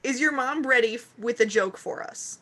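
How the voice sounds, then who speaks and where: A woman's voice: fairly high pitch, normal speed, bright, forceful tone. A woman interviewing someone in a casual, conversational style. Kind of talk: casual chat.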